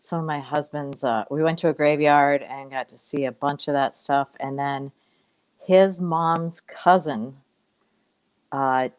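On a video call from a room at home, a middle-aged woman with a low, clear, resonant voice tells family stories as an interview guest, picked up by her webcam. Her storytelling is warm, rambling, and reflective.

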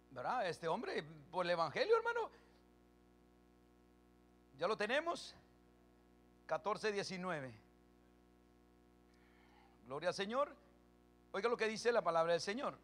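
A man preaching a sermon as pastor, reading Bible verses calmly, then rising to loud, forceful preaching with quick questions to the congregation. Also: high voice.

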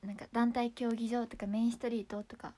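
A woman's voice: on the high side, little pitch movement, brisk, dark tone. A young woman idol chatting casually on a livestream, giggling often as she reacts to comments. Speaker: idol streamer.

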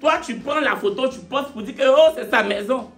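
A man giving animated, teasing commentary, with dramatic shouted interjections. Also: very high-pitched, moderate pace, faint music behind. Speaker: online commentator.

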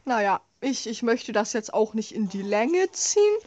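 A woman's voice: fairly high pitch, big pitch swings, normal speed, a little mellow. A woman giving casual, wry, sarcastic commentary as she plays a horror game. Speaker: let's play host.

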